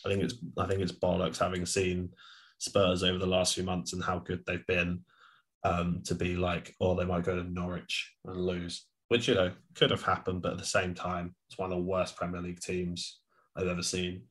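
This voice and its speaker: A man's voice: low-pitched, monotone, normal speed, fairly bright tone. A man co-hosting a podcast, chatting casually about football, rambling with lots of restarts and fillers. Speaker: podcast co-host.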